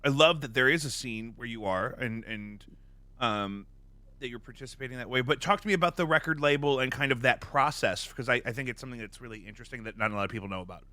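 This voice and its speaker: Bright-voiced podcast host, eating on air. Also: male voice, medium pitch, quick pace, dry recording. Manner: joking, rambling questions with fillers. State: eating during the show. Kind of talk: casual interview chat.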